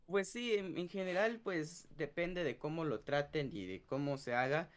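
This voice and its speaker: A man, co-hosting a podcast, giving his view in a measured way with fillers. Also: fairly high pitch. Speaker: podcast co-host. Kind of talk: casual podcast chat.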